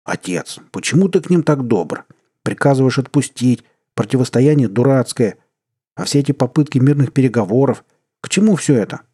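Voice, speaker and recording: A man voicing a hot-headed young giant of a son who shouts in fury, in a read-aloud story. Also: mid-range voice, lively intonation, a little fast, breathy edge, pitched above the performer's own voice. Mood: angry. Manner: shouting, raising his voice.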